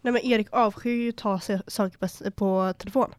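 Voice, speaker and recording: A woman's voice: mid-range voice, fairly even intonation, smooth, no echo, studio quality. A young woman co-hosting a podcast, talking a lot, swearing freely and acting out arguments with sudden outbursts. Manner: talkative, swears a lot, acts out quarrels with rising outbursts. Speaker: podcast co-host. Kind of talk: casual chat.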